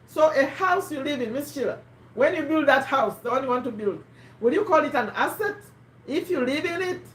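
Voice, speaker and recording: A woman's voice: high voice, expressive, a little fast, distant mic. A woman from Uganda, hosting a live book discussion in casual, conversational talk, often restarting and quizzing her listeners. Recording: echoey room.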